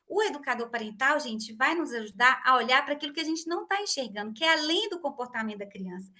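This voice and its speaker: A woman in her thirties, the podcast's host, speaks quickly in a voice that sits high. In a casual conversation, she animatedly recounts a story and plays out family dialogue.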